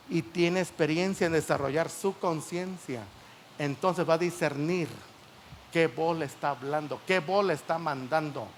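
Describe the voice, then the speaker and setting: A man's voice: a little high, slight background noise. A man preaching a sermon at a church service, often asking the congregation rhetorical questions.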